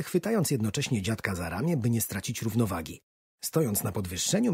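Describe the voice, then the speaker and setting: A man narrating a children's audiobook in an expressive storytelling manner. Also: on the low side, breathy edge, no echo. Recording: dry studio audiobook.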